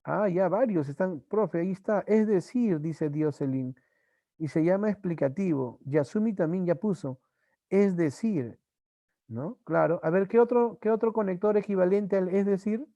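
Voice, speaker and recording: A male teacher from Peru giving an online language class, slowly repeating examples and his students' answers. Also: high-pitched, warm tone, no echo.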